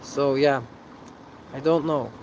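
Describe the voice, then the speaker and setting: A man's voice: medium pitch, fairly even intonation, takes it slowly, a little mellow, slight background noise, low-quality recording. A man from Belgium, hosting a casual live Q&A outdoors, talking hesitantly with many fillers and tagging sentences with "eh?". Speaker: livestream host answering viewer questions.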